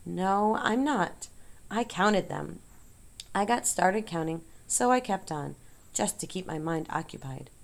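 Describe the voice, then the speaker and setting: A woman voicing a wise female spider who is weak and fading, speaking softly and slowly in an audiobook. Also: fairly low pitch, animated, creaky. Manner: soft, slow and tired. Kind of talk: audiobook character voice.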